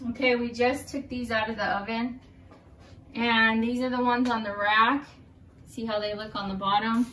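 A woman's voice: a little high, fairly even intonation, normal speed, a bit bright. A middle-aged woman hosting a home cooking video, giving chatty, homey step-by-step instructions to her viewers. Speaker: cooking channel host.

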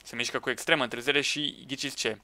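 A man commenting on a Minecraft match with friends, excitable, shouting at teammates and laughing. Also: mid-range voice, no echo. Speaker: gaming YouTuber.

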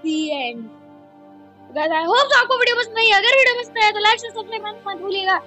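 A gamer with a very high, piercingly bright voice and a slightly hoarse edge gives breathless commentary over a horror game. The talk jumps between exclamations and quick running remarks, while faint game music plays in the background. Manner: excitable, yelps and exclaims at scares. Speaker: gaming YouTuber. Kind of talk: excited Hindi gameplay commentary.

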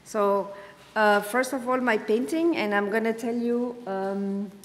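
An Egyptian woman artist gives an unscripted symposium talk with slides from a podium in a dark auditorium. Her voice is rather high, and she speaks haltingly with lots of ums, fillers and restarts. She's far from the mic, with long hall reverb.

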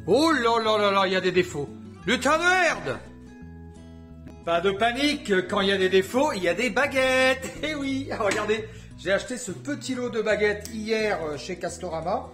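A man's voice: high voice, expressive, normal speed, pushed and bright, soft background music. A man filming a casual home DIY vlog, talking to viewers in a playful, jokey way, with a put-on southern French accent. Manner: playful, jokey, talks to viewers, hums and sings bits. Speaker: DIY vlogger.

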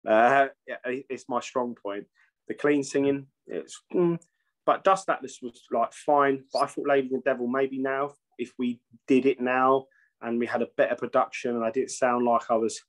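A guest who sings and plays bass for a metal band chats casually at normal speed, his medium-pitched voice keeping a steady tone. Via video call webcam from a shelved room at home, he rambles, swears often and restarts frequently.

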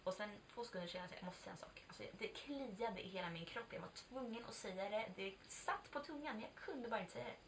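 Speaking at medium pitch with few pauses and a fairly bright tone, a woman in her twenties vlogs a candid personal story. The talk is casual and confessional, chatty, with some swearing and acted-out snippets of dialogue. The mic is distant, with faint background noise.

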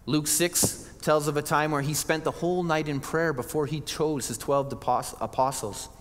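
A man preaches a sermon in an earnest, conversational style, frequently starting sentences over. His voice is on the high side, with a steady tone and normal speed, and the church sanctuary gives it hall reverb.

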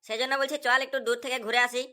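A woman's voice: sits high, little pitch movement, rapid-fire, bright, forceful tone. A woman voicing a brash young man, the chief's son, in a cartoon. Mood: pushy. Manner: brash and pushy.

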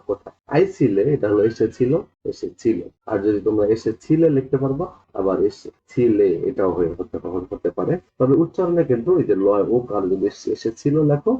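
A man teaching a spelling lesson, talking straight to his students and repeating each word as he explains it. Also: on the low side. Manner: drawn-out repetitive explaining, addressing students directly. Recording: tinny phone-like audio.

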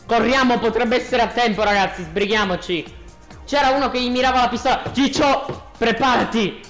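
A gaming host giving casual, joking commentary, excitable and repeating phrases. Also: mid-range voice, normal speed, soft background music.

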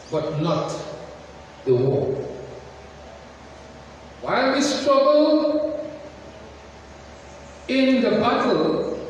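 A man preaching a slow, deliberate sermon in a high voice, stopping often to ask his congregation questions. He is picked up from far off in a large church hall, where a long, heavy echo trails after every phrase. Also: slight background noise.

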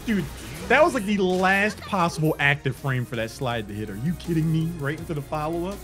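A man's voice: fairly high pitch, lively intonation, brisk, a bit bright. A man giving casual live fighting game commentary, bantering and using slang over the match. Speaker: esports tournament commentator. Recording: music behind the voice.

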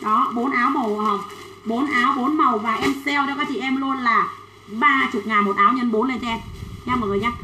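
A woman selling children's clothes on a livestream, chatting quickly and reading out sizes and buyers' names. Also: fairly high pitch, bright, forceful tone, echoey room, slight background noise, poor audio. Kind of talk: fast livestream sales pitch.

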